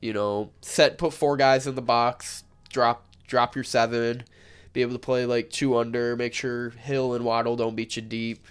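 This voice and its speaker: A man's voice: mid-range voice, flat delivery, normal speed, clean tone. A man co-hosting a casual sports betting podcast, talking in a laid-back, blunt way while sick and losing his voice. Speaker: podcast co-host.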